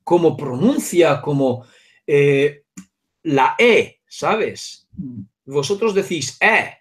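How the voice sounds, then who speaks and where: He draws out his words in a fairly high, expressive voice. A native Hungarian speaker with the matching accent, he is an interview guest who explains at length, adding many asides and checking in with his listener.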